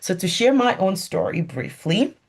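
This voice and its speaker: A woman's voice: medium pitch, sing-song, moderate pace. A middle-aged woman with a Nigerian accent, a physician sharing her personal story in a reflective, earnest talk with small restarts.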